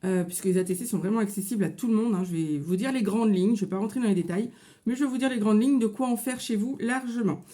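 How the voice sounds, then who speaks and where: Chatty French woman, mellow voice. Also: medium pitch, quick pace. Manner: chatty, with frequent fillers. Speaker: crafting vlogger. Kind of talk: casual craft tutorial chat. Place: home office.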